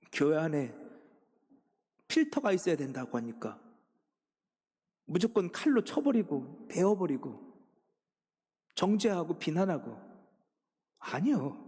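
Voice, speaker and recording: A man preaching a sermon as senior pastor, swinging from hushed pleading to loud, emphatic exhortation. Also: fairly high pitch, sing-song, takes it slowly, long pauses, husky. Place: church sanctuary. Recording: long reverb of a church sanctuary.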